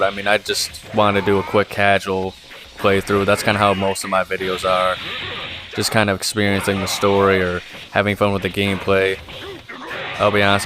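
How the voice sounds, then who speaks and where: Monotone man rambling over gameplay. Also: lowish voice. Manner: monotone, rambling with many fillers. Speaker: gaming channel host. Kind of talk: casual gameplay commentary. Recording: game music playing under the voice.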